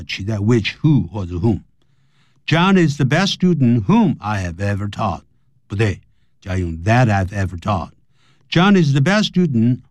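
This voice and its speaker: On a broadcast lesson, a man teaches English grammar, explaining in Chinese and reading English example sentences slowly and carefully. His voice is medium-pitched and a little mellow, and the recording is dry.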